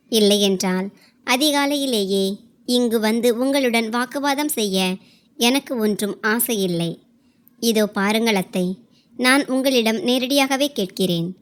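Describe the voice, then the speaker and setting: A woman's voice: fairly high pitch, natural voice. A woman doing a scornful daughter-in-law. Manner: mocking, accusing.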